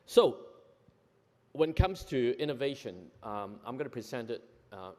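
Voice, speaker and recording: In a large conference hall with long reverb, a Hong Kong man who is a company executive gives a presentation in a mid-range, dark, very animated voice at normal speed. He sounds hesitant, using many fillers and correcting himself often.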